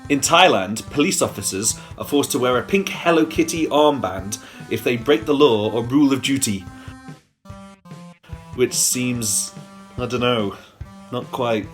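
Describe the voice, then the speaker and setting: A man doing stand-up in a dry, deadpan voice, his pitch sitting in the middle. He delivers absurd jokes flatly and tosses in the occasional swear. Faint guitar music plays behind him. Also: a little slow, long pauses. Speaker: stand-up comedian.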